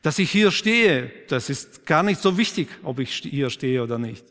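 Slightly high-voiced preacher in a reverberant church. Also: male voice, expressive. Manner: asks the congregation questions and affirms their answers; slows and drops to a quiet, emphatic tone for key points. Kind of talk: sermon. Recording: long reverb of a church hall.

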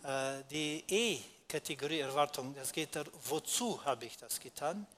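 A man's voice: fairly high pitch, normal speed, fairly bright tone, a little hiss or hum. A man teaching in a sermon, explaining step by step and answering his own rhetorical questions, with frequent hesitations.

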